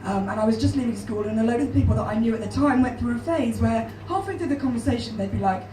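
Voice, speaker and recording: Fast and deadpan, a young English woman in her twenties with a high, croaky, hoarse voice performs a self-deprecating stand-up set into a handheld mic. She's filmed from far back in a small club, so her voice comes through its echoey house sound with a little hiss or hum. Laughter from the live audience rolls in between lines.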